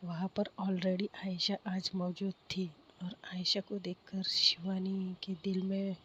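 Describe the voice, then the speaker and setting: A woman's voice: mid-range voice, completely flat delivery, slow pace, very noisy. A woman casually telling a romance story in a chatty, loose way with fillers, recorded at home. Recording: slightly muffled, faint child crying.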